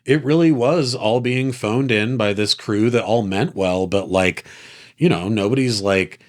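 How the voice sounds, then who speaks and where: A man's voice: fairly low pitch, a little slow. A man co-hosting a podcast, casually discussing a film and acting out quotes in playful voices. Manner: animated, acts out quotes in character voices. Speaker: podcast co-host.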